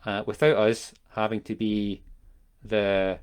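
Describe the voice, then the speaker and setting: A man talking alone to his audience in a reflective way, often pausing and searching for words as he reframes ideas. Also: lowish voice, level tone, clean tone. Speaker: business coach. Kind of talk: solo talk to camera.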